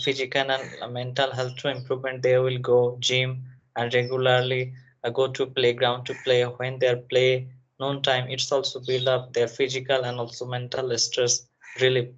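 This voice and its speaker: Halting man from Bangladesh. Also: medium pitch. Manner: halting, searching for words. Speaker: nursing student, conversation partner. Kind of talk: casual conversation practice. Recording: dull lo-fi sound.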